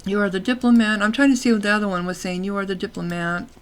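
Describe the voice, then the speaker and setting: A woman's voice: medium pitch, steady tone, fast, a little hiss or hum. A woman playing a role-playing game, reading its text aloud with casual asides and small stumbles.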